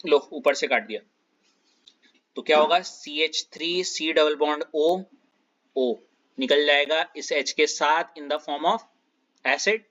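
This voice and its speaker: तेज़ और चमकीली आवाज़ वाला रसायन शिक्षक, धीमी दबी recording. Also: male voice, on the high side, takes it slowly, pauses often, a bit bright, muffled recording. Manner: explains step by step, checks students often. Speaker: chemistry teacher. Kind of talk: online class lecture.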